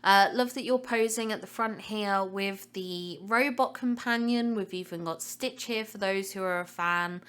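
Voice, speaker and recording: A young woman running a casual game commentary vlog sounds chatty and enthusiastic despite being slightly congested from a cold, and she repeats words for emphasis. She talks a little slowly with few pauses, in a medium-pitched voice that is a bit bright, clear and resonant.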